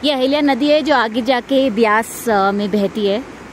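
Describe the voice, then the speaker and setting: A young Indian travel vlogger casually narrates her road trip through mountains and markets outdoors, mixing English words into her Hindi. Her voice is fairly high and unhurried. She films on a handheld phone at arm's length, so the outdoor recording is noisy.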